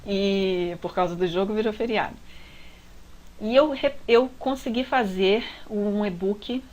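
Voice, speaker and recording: A woman's voice: mid-range voice, measured pace, a little mellow, poor audio. A woman with a Brazilian Portuguese accent, a relationship coach telling a personal story in a heartfelt, confiding way. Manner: heartfelt, confiding, frequent tag questions.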